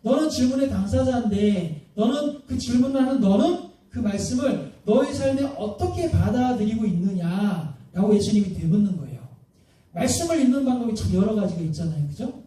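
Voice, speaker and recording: High-voiced male pastor in an echoey hall. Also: moderate pace. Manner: lively, keeps asking the congregation questions. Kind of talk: sermon. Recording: very echoey hall, mic at a distance.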